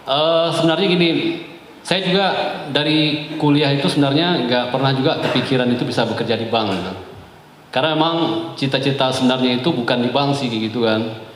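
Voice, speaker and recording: A man chatting casually as a talk show guest, relaxed and a little hesitant, clearing his throat. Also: mid-range voice, fairly quick, a little hiss or hum. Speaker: guest speaker. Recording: echoey hall reverb.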